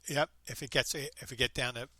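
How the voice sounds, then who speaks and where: A man's voice: medium pitch, fairly even intonation, quick pace, sharp tone, no room sound. A man in his fifties hosting a podcast, chatting casually and rambling with frequent restarts. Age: 50s. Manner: rambling, upbeat, self-interrupting. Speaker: podcast host. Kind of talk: casual chat.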